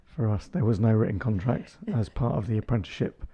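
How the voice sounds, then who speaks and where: A man's voice: lowish voice, fast talker, warm tone, husky, dull audio. A man in his thirties co-hosting a casual chat podcast with his wife, joking and teasing as he talks. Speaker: podcast co-host.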